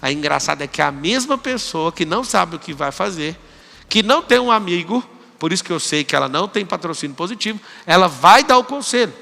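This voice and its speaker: A Brazilian man gives a motivational talk to a live audience with commanding energy, and he acts out little exchanges with his students. His voice sits high and has a gravelly edge. It rings out with a long reverb through the large hall. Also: lively intonation, brisk, pushed and bright. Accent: Brazilian Portuguese. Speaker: motivational speaker.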